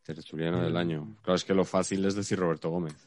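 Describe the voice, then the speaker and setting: Low-voiced man from a Spanish podcast panel. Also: steady tone, fast, a little mellow, dry recording, clean studio sound. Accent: Spain. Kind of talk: casual panel chat about sports media.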